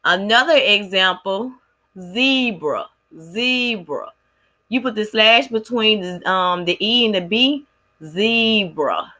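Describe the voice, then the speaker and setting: Woman, clear bright tone, casual lesson-plan presentation, halting with fillers. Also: mid-range voice. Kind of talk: recorded class presentation.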